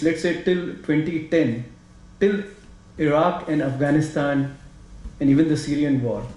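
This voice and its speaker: A man with an Indian accent on a discussion panel, talking quickly and saying "you know" a lot. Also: a little high, mellow, roomy sound, rough recording. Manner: fast, repeats "you know". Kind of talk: discussion talk.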